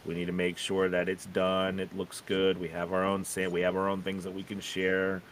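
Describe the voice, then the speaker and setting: A man's voice: low-pitched, monotone, normal speed, slight background noise. A man hosting a casual live stream, talking in a rambling way and often checking in with "you know" and "right". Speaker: live show host.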